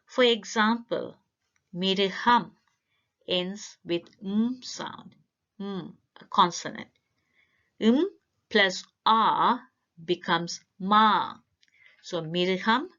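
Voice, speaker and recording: Slow, careful woman teaching language. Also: mid-range voice, fairly bright tone, muffled recording. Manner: careful, deliberate word-by-word delivery. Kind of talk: slow instructional explanation.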